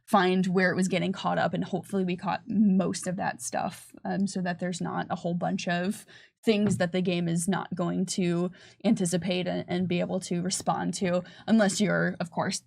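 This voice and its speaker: On an unscripted livestream Q&A, a game developer answers questions conversationally, explaining at length with frequent hesitations and restarts. Her voice is lowish, creaky and darkish, with little pitch movement and a moderate pace.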